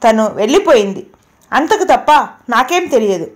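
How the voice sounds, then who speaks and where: A woman's voice: fairly high pitch, moderate pace. A woman reading the part of a young man answering police questions steadily and without fear. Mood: calm. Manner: steady, fearless.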